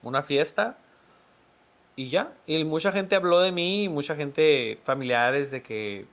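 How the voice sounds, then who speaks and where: A man, a podcast guest telling a personal story in a sincere, emotional, quietly reflective way. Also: a little high, measured pace.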